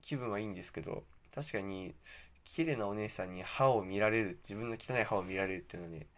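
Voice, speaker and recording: A man's voice: on the low side, fast. A man hosting a casual solo radio talk, rambling and correcting himself, with slightly slurred articulation from wearing a mouthguard. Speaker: podcast host.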